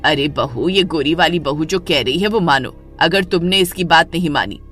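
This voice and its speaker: A woman voicing a scheming older mother-in-law in an animated story, speaking in a scolding, commanding way. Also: sits low, normal speed, soft background music. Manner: scolding, then pleading. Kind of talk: storybook voice acting.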